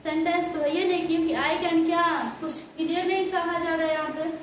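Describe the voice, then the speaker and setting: A woman's voice: very high-pitched, flat delivery, brisk. A woman teacher giving a classroom grammar lesson, asking questions and answering them herself, repeating the key terms. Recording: echoey room from far off, noisy.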